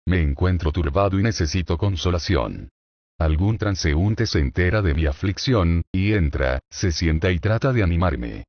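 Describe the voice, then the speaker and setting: A man with a deep, very low voice delivers a sermon in a grave, declamatory style, advancing his argument with rhetorical questions. The audio is flat and lo-fi, entirely free of room echo.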